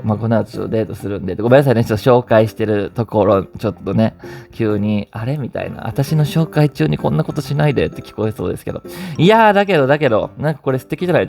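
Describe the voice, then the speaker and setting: A man's voice: fairly low pitch, creaky, darkish tone. A man with a Kansai Japanese accent hosting a vlog, chatting casually and playfully while reading out listener stories. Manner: chatty and playful, often laughing and teasing. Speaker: vlog host.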